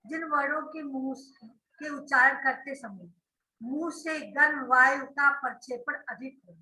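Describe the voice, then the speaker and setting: A woman's voice: high-pitched, a little slow, bright, forceful tone, roomy sound, rough recording. A woman schoolteacher giving an online grammar class, explaining step by step and often checking that her students follow. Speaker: school teacher.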